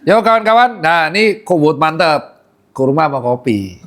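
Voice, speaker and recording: Young male doctor host, high voice, chatty and teasing while explaining health tips. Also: sing-song, fairly bright tone, slight background noise. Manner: joking, teasing, explains with quick asides. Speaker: doctor hosting a health talk. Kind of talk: casual health Q&A chat.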